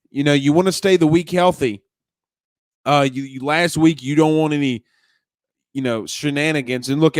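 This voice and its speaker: A casual live stream features a young sports podcast host from Louisiana reading comments, rambling and restarting sentences while calling people "man" and "bro." His resonant, smooth voice sits at a medium pitch with a touch of congestion, and the sound is close and dry, free of room echo.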